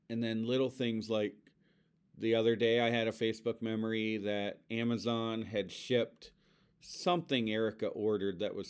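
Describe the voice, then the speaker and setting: Smooth-voiced low man reflecting on grief. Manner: earnest, reflective, speaks softly of his son. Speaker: podcast co-host, bereaved father. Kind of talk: reflective conversation about grief.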